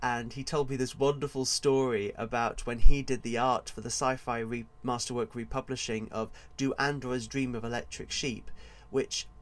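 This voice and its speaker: Male author-host, mid-pitched, casual solo podcast talk, rambles and digresses freely. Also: fairly even intonation, moderate pace, hardly any pauses.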